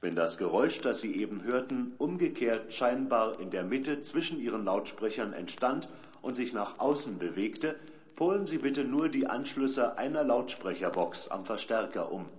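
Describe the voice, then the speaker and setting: A man giving formal, measured scripted instructions. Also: medium pitch, animated, dull audio, slight background noise. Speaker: test recording announcer.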